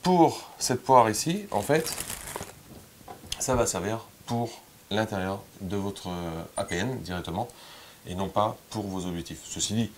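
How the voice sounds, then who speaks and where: Deep-voiced man explaining camera care. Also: a little slow, slight background noise. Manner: relaxed, chatty explaining with frequent hesitations. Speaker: photography teacher. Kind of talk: casual hands-on demonstration.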